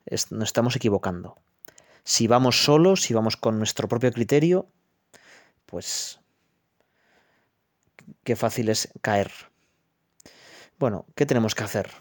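A man's voice: medium pitch, dry recording, clean studio sound. A man, a priest, giving a homily in a chatty way, often asking his listeners rhetorical questions. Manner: conversational, rhetorical questions with frequent "¿eh?" and "pues".

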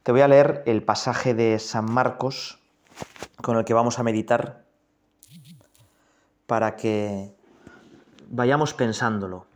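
A man's voice: mid-range voice, steady tone, takes it slowly, long pauses. A man with a Spain Spanish accent leading a guided prayer meditation, reflective and speaking directly to the listener. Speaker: prayer leader.

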